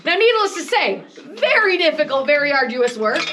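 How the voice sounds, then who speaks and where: A high-pitched woman gives a guided tour deep in an underground mine, explaining as she goes and slipping in jokes. She is caught by a visitor's camera, sometimes close and sometimes farther off, with a faint hiss behind her. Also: very animated, normal speed. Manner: chatty, joking, explanatory patter. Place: underground coal mine tunnel.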